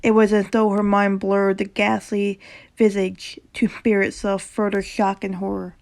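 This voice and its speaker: Reading a horror story casually, a woman with a sore throat speaks in a gravelly, slightly raspy, medium-pitched voice. Her delivery is fairly flat and even. She frequently stumbles over words, corrects herself, and tosses in quick offhand reactions between passages.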